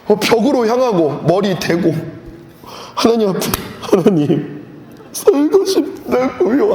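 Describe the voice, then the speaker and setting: Lively pastor preaching in an echoey hall. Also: male voice, fairly high pitch. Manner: animated, asks the audience questions, acts out scenes. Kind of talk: sermon at a youth retreat. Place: church hall. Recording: echoey hall with faint background noise.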